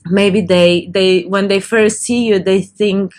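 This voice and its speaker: A woman's voice: medium pitch, steady tone, slow pace, darkish tone. A woman doing a casual tarot reading to camera, talking loosely with restarts and self-corrections. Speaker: tarot reader.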